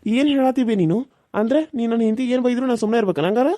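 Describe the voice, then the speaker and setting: A woman's voice: a little high, very fast, dark tone, voice pushed down, natural voice. A woman doing a protesting young village husband. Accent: North Karnataka Kannada.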